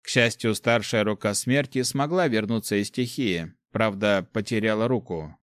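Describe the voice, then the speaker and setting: Low voiced guy reading a fantasy audiobook, steady, really dry close sound. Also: moderate pace, no echo. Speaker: audiobook narrator. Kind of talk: scripted fantasy narration.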